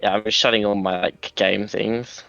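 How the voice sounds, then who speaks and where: Halting male player on a laggy, cutting-out call line, muffled lo-fi sound. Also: on the low side, steady tone, vocal fry, sharp tone, no room sound, faint music behind. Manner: hesitant, halting. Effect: laggy voice chat audio, cutting out and stretched. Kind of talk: casual online game chat. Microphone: online voice call. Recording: dull lo-fi laggy call audio.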